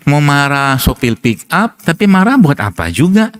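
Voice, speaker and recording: A man's voice: a little high, big pitch swings, moderate pace, a bit bright. A middle-aged man, a preacher and doctor, gives a casual religious talk full of anecdotes, chuckling often and asking rhetorical questions. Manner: chatty storyteller, laughs often, asks rhetorical questions.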